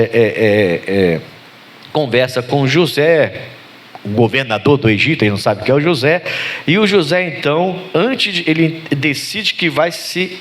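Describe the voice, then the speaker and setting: Preaching with lots of animation, a man leading a congregation pushes his pitch higher to stress points and asks the listeners to say amen.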